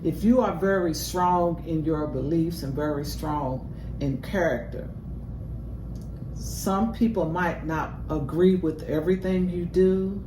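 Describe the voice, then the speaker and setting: An older woman giving earnest, reflective commentary and life advice in a casual reaction video. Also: on the low side. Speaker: reaction show co-host. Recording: roomy, distant mic with heavy noise.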